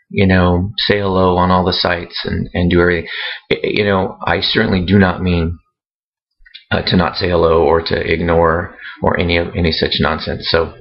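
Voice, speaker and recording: A man talking casually to his readers in a vlog, halting and rambling with many fillers and restarts. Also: low-pitched, creaky, lo-fi sound. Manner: self-conscious about speaking on camera. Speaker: author vlogging to readers.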